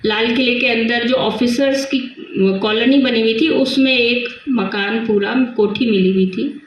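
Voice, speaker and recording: A woman's voice: fairly high pitch, fairly even intonation, unhurried. Older woman recalling, very echoey hall. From Delhi, India. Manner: reminiscing, repeats words while recalling. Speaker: Brahma Kumaris sister sharing her experience. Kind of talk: personal spiritual testimony. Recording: very echoey, dull lo-fi sound, faint hiss.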